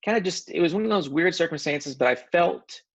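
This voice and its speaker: A man sharing a personal story in casual conversation, animated and joking, often restarting his sentences. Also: fairly high pitch, a little fast. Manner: animated, self-described funny guy, frequent restarts. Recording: dull lo-fi recording.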